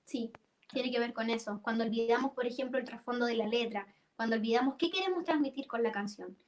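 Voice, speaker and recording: A young woman leads a singing workshop. Her voice sits high, and she explains things patiently, breaking into sung notes to show each vocal register. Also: fast. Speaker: singing teacher.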